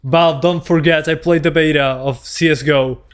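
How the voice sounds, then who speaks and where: A man's voice: fairly high pitch, steady tone, moderate pace, smooth. A man doing casual gameplay commentary as a streamer, chatting with his viewers as he plays. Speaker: game streamer.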